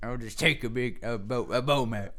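A man playing a hungry folksy man with a dry, deadpan manner, in an improvised comedy sketch. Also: mid-range voice, normal speed, crowd noise, close to an everyday voice.

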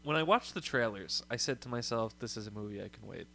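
A man co-hosting a casual chat among friends, who gets animated and laughs while retelling movie scenes. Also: fairly low pitch, quick pace, creaky. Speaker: podcast co-host.

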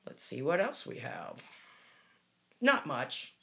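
A woman's voice: sits low, big pitch swings, slow pace, creaky, a bit bright. A woman hosting a casual true crime podcast, talking in an emphatic, rambling way. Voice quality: smoker's cough. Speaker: true crime show host.

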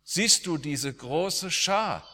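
A man's voice: fairly high pitch, animated, drawn-out words, bright, forceful tone, pitched above the performer's own voice, exaggerated voice. A male preacher voicing a dying fifteen-year-old boy, speaking in a pleading, wondering voice. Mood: awestruck. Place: church. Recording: long church reverb.

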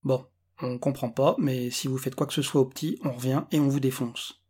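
A man voicing a brusque, hostile male police officer who talks coarsely, with a husky voice, in a read-aloud story. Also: mid-range voice, steady tone, brisk, darkish tone, lightly acted. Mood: contemptuous. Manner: threatening, coarse.

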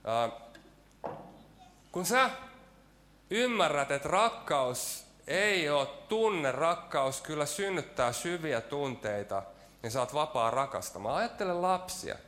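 A man's voice: on the high side, a bit bright. A man preaching a sermon in a church, telling a personal story with self-mocking jokes and frequent hesitant fillers.

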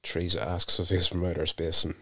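A man casually recapping a TV episode, telling it in an unhurried, self-correcting way. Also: low voice, level tone, pushed and bright, breathy edge, dry recording.

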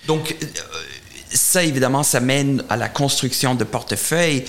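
German-accented man with a creaky voice. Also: mid-range voice, fairly bright tone. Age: middle-aged. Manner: hesitant, halting, often repeating words. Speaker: portfolio manager, interview guest. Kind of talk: conversational interview answers.

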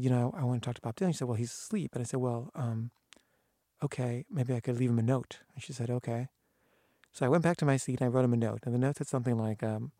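Speaking in a medium pitch, a man shares a casual anecdote about himself, acting out quoted voices with animation and making halting restarts. The recording is dry and of studio quality.

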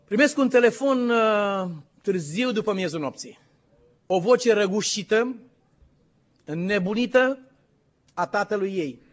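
A man's voice: sits high, animated, long pauses. A man preaching a sermon as pastor, impassioned and quizzing his congregation. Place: church in the United States. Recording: dull lo-fi recording.

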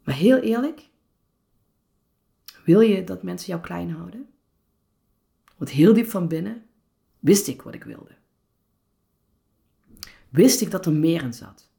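A woman hosting a solo podcast as a personal coach, speaking calmly and reflectively with some hesitations. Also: fairly low pitch, slow, gravelly, pauses often.

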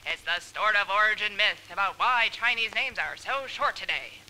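A woman's voice: medium pitch, normal speed, pushed and bright, low-quality recording. A woman putting on the voice of a 1930s newsreel announcer while reading a book description aloud, in a brassy, declaiming delivery. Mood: announcing.

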